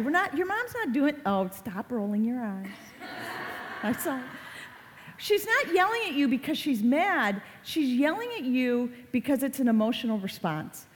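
Brief: woman in her forties, child safety presenter, chatty and animated with a slightly high voice, recorded in a hall with long reverb. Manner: lively, conversational, acts out quoted family exchanges. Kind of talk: live presentation to parents and kids.

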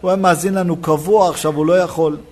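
A rabbi preaching a sermon in a synagogue, telling a personal story and acting out the dialogue. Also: male voice, on the high side. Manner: animated storytelling, acts out dialogue.

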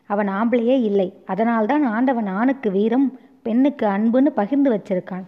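A patient, tender man , as a woman storyteller puts him on, soothes someone in a hushed, lowered voice. His speech is soft and slow to calm. The recording sounds dull and lo-fi. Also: lightly acted. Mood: soothing. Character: gentle consoling grown man comforting a weeping woman.

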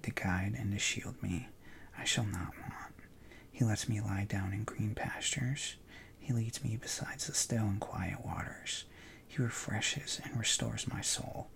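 Gravelly whispering man leading prayer. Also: on the low side. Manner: soft whispered delivery with long pauses; relaxed, informal asides. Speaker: prayer leader. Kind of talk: guided contemplative prayer.

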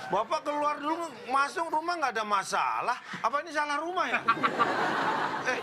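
A man's voice: extremely high pitch, sing-song, moderate pace, background noise. A man playing a rambling joking father-in-law. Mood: playful. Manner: teasing, rambling, playful wordplay. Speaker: comic actor. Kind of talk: comedy sketch.

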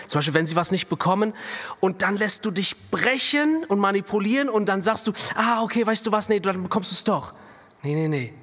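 Preaching man in a reverberant hall. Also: on the high side. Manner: animated preaching, swings from hushed to emphatic. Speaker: pastor. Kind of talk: sermon. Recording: long reverb of a church hall.

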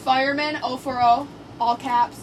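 A woman's voice: high voice, steady tone, unhurried, crowd noise. A woman co-hosting a casual home podcast, chatty and often echoing or finishing the others' sentences. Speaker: podcast co-host. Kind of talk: casual chat. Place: home, indoors.

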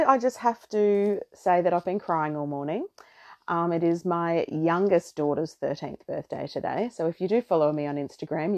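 A woman's voice: lowish voice, a little mellow. A middle-aged woman hosting a podcast, chatting casually and theatrically in a rambling way. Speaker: astrology podcast host. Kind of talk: casual solo podcast chat.

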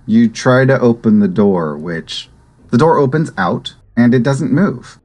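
A man running a tabletop role-playing game as game master, narrating in a calm, matter-of-fact way. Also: mid-range voice, a little slow.

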